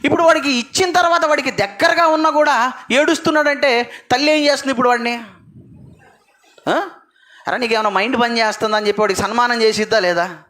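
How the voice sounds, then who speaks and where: A man's voice: extremely high pitch, quick pace, long pauses, pushed and bright. A man preaching a sermon to a congregation, asking them questions and repeating phrases for emphasis.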